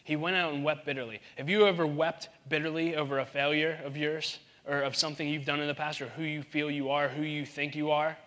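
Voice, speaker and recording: A man in his thirties preaching a sermon in an animated way, acting out the voices in the Bible story. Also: fairly high pitch, fairly quick, few pauses. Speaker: pastor.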